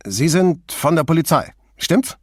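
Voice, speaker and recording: A man voicing Nino, an excitable middle-aged drinker who talks eagerly and pushes his point. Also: on the high side, measured pace, slightly rough, dry recording, studio quality, voice pushed up. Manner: eager, talkative, pushy.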